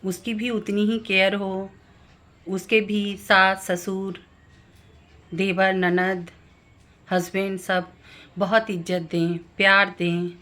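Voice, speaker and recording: A woman vlogger giving calm advice on family relationships, speaking gently and explaining each point step by step. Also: mid-range voice. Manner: slow, gentle and explanatory, lists family members one by one. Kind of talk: calm advice talk to camera.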